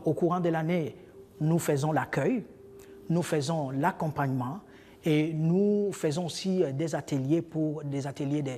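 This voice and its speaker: A man who works with newcomer families at school, explaining in a measured way with some fillers in a documentary interview. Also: on the high side, dark tone, big-room sound, a little hiss or hum. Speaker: school settlement worker.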